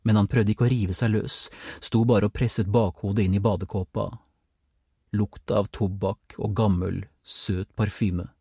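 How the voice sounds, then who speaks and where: Guy reading an audiobook, low husky voice, calm and measured, super dry close mic. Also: no echo. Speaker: audiobook narrator. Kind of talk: scripted narration.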